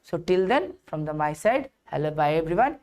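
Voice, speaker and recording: A woman's voice: sits low, big pitch swings, moderate pace. Indian-accented woman teaching a lesson. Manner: mixes Hindi phrases into English; repeats phrases and asks rhetorical questions for emphasis. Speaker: chemistry teacher. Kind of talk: instructional lesson.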